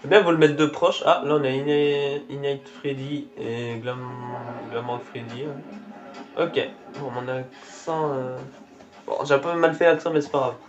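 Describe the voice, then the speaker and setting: A man's voice: fairly high pitch, fairly even intonation, normal speed. Man giving casual game commentary, lo-fi. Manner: reactive, exclaiming at what appears on screen. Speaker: gameplay commentator. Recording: dull lo-fi recording with faint game music.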